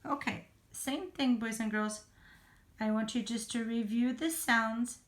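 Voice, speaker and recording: Female primary teacher, slightly high voice, very slow delivery, exaggerated modeling of sounds and words for little kids. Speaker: teacher of young children. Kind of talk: phonics lesson for children.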